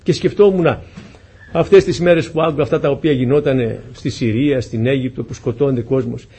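A man's voice: medium pitch, dark tone, slightly rough. A man preaching a sermon to his congregation, earnest and pleading, often asking them questions.

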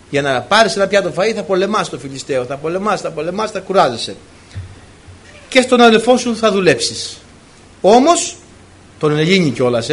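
A man delivers a sermon in a fairly high voice that swings widely in pitch. He tells personal stories with strong emotion and acts out the dialogue. A faint hum of room ambience sits behind him. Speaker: preacher.

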